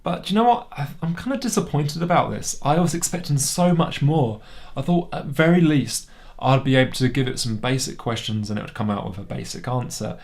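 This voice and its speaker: A man's voice: medium pitch, expressive, brisk, gravelly, darkish tone. A man with a British accent giving a casual, sceptical toy review at home. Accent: British English. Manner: sceptical, wry and conversational.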